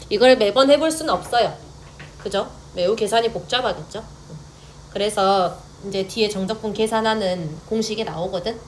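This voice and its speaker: A woman's voice: medium pitch, slight background noise. A young woman teaching a math lecture, stepping through formulas and often checking that students follow along. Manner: checks in with students, mixes polite and casual speech.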